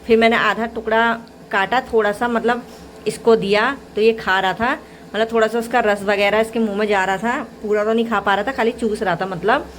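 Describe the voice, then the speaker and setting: Young mom vlogging at home, kinda high voice, just chatting away to the camera while doing kitchen stuff. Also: female voice, fairly even intonation, brisk, slight background noise. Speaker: vlogger and mother. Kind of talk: casual daily vlog chat.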